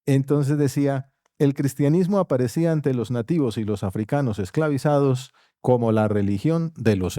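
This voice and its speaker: A man from Colombia with a Colombian accent, giving an academic lecture at a university conference, measured in delivery and dropping into quiet asides. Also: medium pitch, no echo, studio quality. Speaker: conference speaker. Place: university auditorium.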